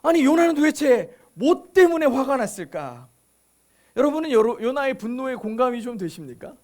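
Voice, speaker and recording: A pastor with a very high voice for a man delivers a sermon. He makes his points emphatically, repeating lines and posing rhetorical questions to the congregation. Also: darkish tone.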